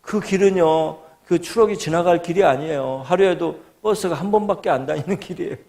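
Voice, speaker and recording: A middle-aged man preaching from the pulpit, his voice gravelly and a touch higher than most men's. He tells his story with lively animation, slipping into the voices of the people in it. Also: brisk. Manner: animated storytelling, acts out quoted prayers and voices. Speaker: guest pastor. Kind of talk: storytelling sermon. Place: church sanctuary.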